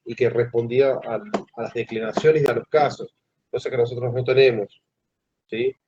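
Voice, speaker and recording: A male teacher giving a classroom lecture, who asks the students questions and pauses mid-phrase. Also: medium pitch, fairly even intonation, noisy background. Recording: dull lo-fi classroom recording.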